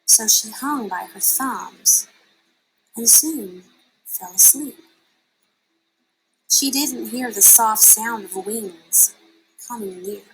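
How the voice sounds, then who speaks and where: Slow, high-voiced woman reading a storybook. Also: breathy edge, faint music behind, low-quality recording. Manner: deliberate, expressive. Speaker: storybook reader. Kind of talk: scripted children's read-aloud narration.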